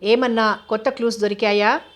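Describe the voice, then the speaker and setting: A woman's voice: fairly high pitch, steady tone, a little fast, natural voice. A woman voicing a friendly senior male police chief who asks familiar, easygoing questions in a storybook reading.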